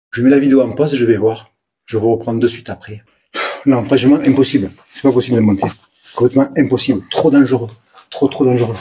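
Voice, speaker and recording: A man with a southern French Provençal accent vlogs while exploring the ruins of an abandoned building, narrating to the camera. His medium-pitched voice is excitable; he repeats words and sometimes drops to hushed mutters.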